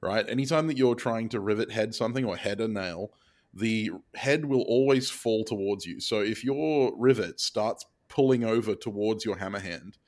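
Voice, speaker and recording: Low-pitched man explaining his craft. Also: moderate pace, darkish tone. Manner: explanatory, plain-spoken. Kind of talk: casual instructional chat.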